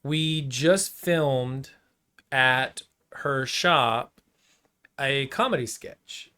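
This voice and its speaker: A man's voice: medium pitch, very slow, sharp tone, clean tone. A man hosting a casual podcast, joking and easygoing with his guest. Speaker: podcast host. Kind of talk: casual chat.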